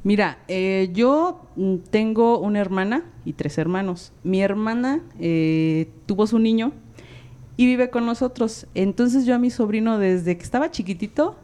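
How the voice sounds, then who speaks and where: Mexican woman guest, warm and mellow, lively storyteller who acts out quotes. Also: medium pitch, a little slow, smooth. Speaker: guest, former librarian. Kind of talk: casual chat.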